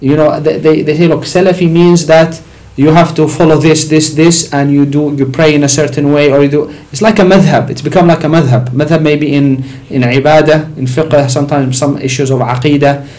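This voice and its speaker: A man's voice: a little high, fairly even intonation, fairly quick, hardly any pauses, darkish tone. Iraqi-born man explaining religion on air. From Iraq. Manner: explanatory, rising emphasis on key points. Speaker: sheikh answering questions. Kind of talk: religious call-in discussion. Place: TV studio.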